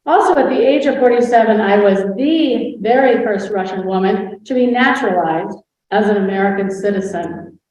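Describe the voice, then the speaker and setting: In this scripted first-person portrayal, a historical impersonator voices a witty, proud 19th-century noblewoman with sweeping storytelling flair. Her pitch is medium, her pace moderate, her tone darkish and lightly acted. The mic sits far away in a very reverberant hall, leaving the audio dull.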